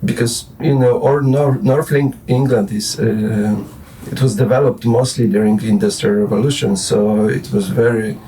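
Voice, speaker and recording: This guest on a relaxed late-night interview is a Polish musician in his forties with a Polish accent, whose talk wanders and stalls, full of restarts and fillers. His low-side, dark voice holds a steady tone at a moderate pace with few pauses. The distant recording sounds rough.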